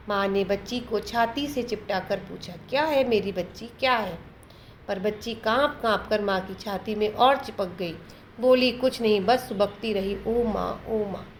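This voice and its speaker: A woman's voice: on the high side, a little hiss or hum. A woman teacher reading a textbook story, retelling it in plain words, then listing word meanings for her pupils. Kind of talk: reading and explaining a textbook lesson.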